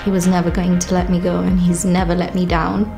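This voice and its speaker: A young woman, giving a reflective, unhurried personal testimony with frequent pauses. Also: lowish voice, completely flat delivery, vocal fry, over music. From Kenya. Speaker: church member giving testimony.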